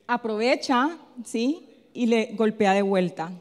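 A woman preaching a sermon who keeps asking questions, answers them herself and tags her lines with a quick "¿sí?". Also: a little high, lively intonation. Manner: tells a personal story in a softer, chatty tone. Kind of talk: sermon with call-and-response questions. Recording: long hall reverb.

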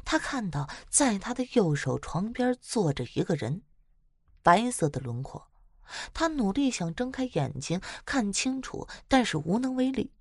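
A woman casually retelling spooky stories in a chatty, lively way, with dramatic swells. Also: mid-range voice, measured pace, husky, no room sound, clean studio sound. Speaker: storyteller.

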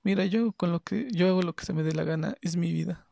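A man's voice: high-pitched, creaky, mellow, no echo. A man voicing a rebellious teenage son who talks back dismissively. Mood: defiant. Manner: defiant, dismissive, quick.

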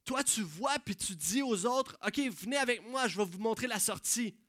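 A man with a Quebec French accent preaching a sermon, swinging from loud exclamations to hushed, soft passages. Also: extremely high pitch, no room sound, clean studio sound.

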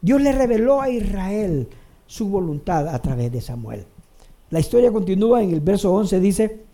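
A preacher giving a sermon to a congregation, addressing them directly, repeating phrases for emphasis and swinging between raised emphatic lines and low quiet asides. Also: big pitch swings, moderate pace.

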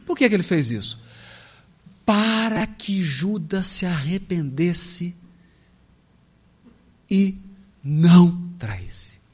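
Brazilian male preacher, high and lively, playful storyteller with hushed drops. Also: slow pace, pauses often, breathy edge. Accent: Brazilian Portuguese. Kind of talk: humorous spiritist sermon.

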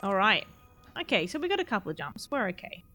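A woman's voice: mid-range voice, very animated, fast talker, sharp tone. A woman casually chatting while live-streaming a game, laughing often and answering her chat. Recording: music playing behind the voice.

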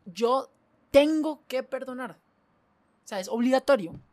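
A woman's voice: sits high, animated, unhurried, a little mellow, no echo. A woman in a casual chat, asking questions and joking.

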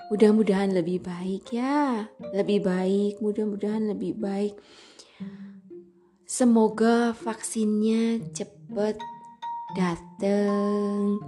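A woman's voice: medium pitch, darkish tone. A woman hosting a casual solo podcast, chatty and playful, laughing at her own jokes and acting out little scenes. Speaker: podcast host.

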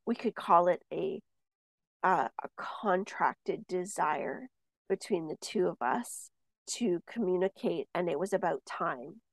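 A woman's voice: fairly low pitch, gravelly, no room sound. A woman talking casually as a medium, passing on spirit messages and telling a personal story, with many fillers and restarts. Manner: rambling with many fillers and restarts, lively when telling stories. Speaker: medium, podcast co-host.

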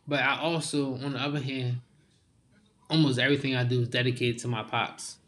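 A young man talking casually and openly, full of informal slang and halting restarts. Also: medium pitch, fairly even intonation, fairly bright tone. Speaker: guest. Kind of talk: casual heartfelt conversation.

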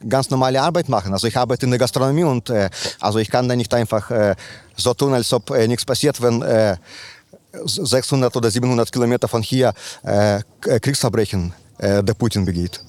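A volunteer helper from Ukraine answers interview questions haltingly, with many fillers and restarts. His voice is medium in pitch and darkish in tone, with no echo.

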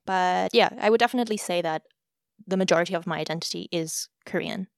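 A young South African woman hosts a podcast, answering questions in a casual, reflective conversation with her sister. Her lowish, creaky voice is captured in clean studio quality with no echo, and she speaks in a measured way with soft fillers.

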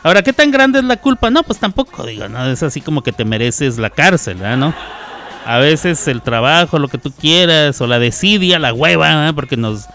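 A man's voice: on the high side, lively intonation, moderate pace, pushed and bright. A man from Mexico, hosting a casual radio show, reading listener messages aloud and joking as he talks. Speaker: radio host.

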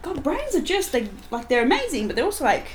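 A woman in casual podcast chat, animated and swearing freely. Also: high voice, quick pace. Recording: echoey room with background noise.

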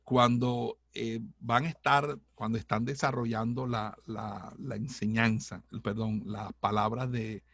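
Gravelly husky-voiced preacher man. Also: medium pitch, flat delivery, fairly bright tone, no echo, clean studio sound. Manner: heartfelt, halting, many restarts and fillers. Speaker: pastor. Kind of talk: personal testimony.

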